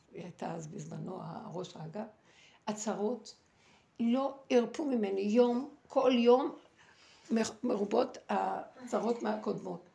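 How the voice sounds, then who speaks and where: Middle-aged woman, heavy vocal fry, mid-pitched, for a fervent religious talk that shifts between stories and exhortation. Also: a little mellow. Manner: dramatic, exhorting, many fillers and restarts. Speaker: religious speaker and former seminary head. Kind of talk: impassioned religious talk and personal testimony.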